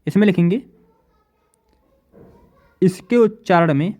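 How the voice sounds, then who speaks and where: A man with a fairly high voice teaches a class. He repeats each definition slowly and keeps asking his students questions to check they follow. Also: a little mellow. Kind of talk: classroom lecture.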